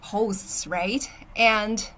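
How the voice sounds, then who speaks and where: Her medium-pitched voice is steady and a bit bright, and she speaks very slowly. She's a young adult livestream host from Shanghai, a native Chinese speaker, casually chatting, responding to viewer comments and frequently asking "okay?"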